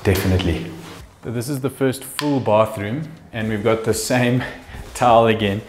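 A man's voice: on the low side, moderate pace, a little mellow. A man, hosting a casual walkthrough of an empty old house and chuckling as he points things out. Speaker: house flipper and show host. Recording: echoey empty rooms, light music.

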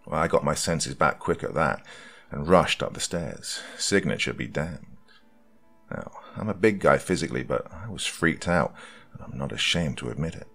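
A narrator with an extremely deep, gravelly voice reads a scripted first-person horror story, speaking slowly and in a hush close to the mic. His delivery is animated, and faint music plays beneath him.

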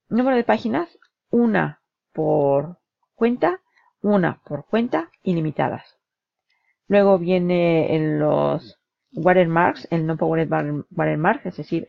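A woman with a very gravelly, low voice walks the viewer through a software review, chatty and full of fillers. The recording is dull and lo-fi, with a dry, close sound and no room around it. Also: no room sound. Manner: conversational, talks the viewer through a comparison table, frequent fillers. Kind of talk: screen-share product walkthrough.

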